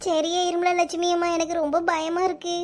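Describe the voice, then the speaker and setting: A woman's voice: extremely high pitch, flat delivery, a little fast. Woman voicing an anxious young village sister. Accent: Kanyakumari Tamil. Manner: worried, pleading, soft-spoken. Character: young woman caring for her feverish sister, anxious and tearful. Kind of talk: village cartoon dialogue.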